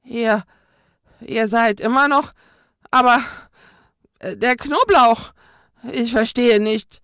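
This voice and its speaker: Brief: a woman doing a pompous old ghost vampire hunter, loud and high-strung, slow sing-song chants, slightly gravelly. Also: sing-song, dry recording, studio quality, full character voice. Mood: flustered. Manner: loud, booming declarations and slow drawn-out chanted incantations.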